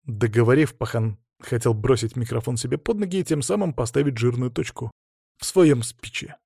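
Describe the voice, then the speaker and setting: A man reads the story in the first person, even and a little ironic, at a middle pitch. The recording is close and dry, with no room around the voice. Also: moderate pace, vocal fry, breathy edge, no room sound. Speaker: audiobook narrator. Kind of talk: first-person scripted narration.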